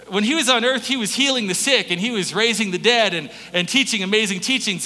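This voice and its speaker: A man's voice: fairly high pitch, pushed and bright. A man preaching a conversational sermon, informal and folksy, speaking directly to his listeners. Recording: reverberant hall.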